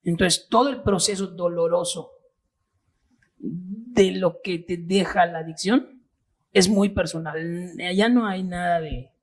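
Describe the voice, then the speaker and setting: A man, an interview guest giving a personal testimony in an earnest, halting way. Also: high voice. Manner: earnest, halting, with restarts and fillers.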